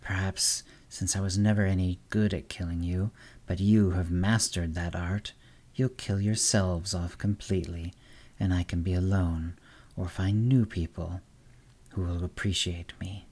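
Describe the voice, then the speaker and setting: Ancient will-o'-the-wisp spirit, hissing whisper, weary scorn, deep low tone, put on by a man. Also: steady tone, a little slow, a little mellow. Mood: scornful.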